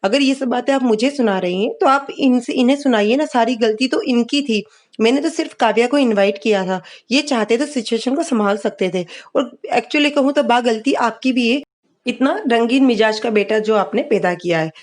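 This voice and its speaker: A snobbish rich middle-aged mother-in-law makes sarcastic jabs, as a woman reads her lines aloud. The voice is slightly high. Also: moderate pace, close to an everyday voice.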